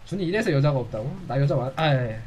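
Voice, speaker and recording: A man's voice: medium pitch, expressive, fast talker, heavy background noise. A man chatting casually on a game live stream, with playful, flirtatious banter.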